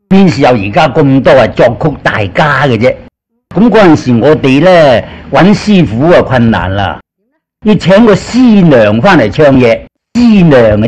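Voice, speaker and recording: An older veteran actor from Guangzhou, China, speaking with a Cantonese accent, reminisces casually in an interview like a chatty storyteller. His voice is a little high, and the audio quality is poor.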